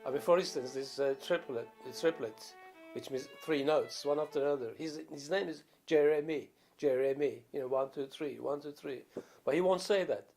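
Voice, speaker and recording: A man's voice: fairly high pitch, normal speed, hardly any pauses, darkish tone, soft background music. A man in his seventies from Turkey, speaking English with a Turkish accent, telling rambling stories about his life as a viola player, with many fillers and restarts. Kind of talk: reminiscing in a documentary interview.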